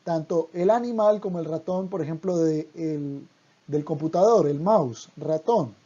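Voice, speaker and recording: Language teacher, very slow deliberate delivery, mellow dark tone, dull lo-fi recording. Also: medium pitch. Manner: slow, deliberate, repeats each word twice. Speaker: Hebrew teacher. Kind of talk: online language lesson.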